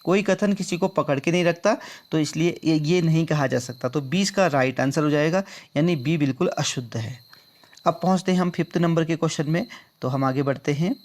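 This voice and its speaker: Man going through exam questions, higher-pitched. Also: fairly quick, a little mellow. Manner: drills answers by repeating them back as questions; addresses viewers as friends. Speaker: exam prep teacher. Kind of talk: explaining quiz answers.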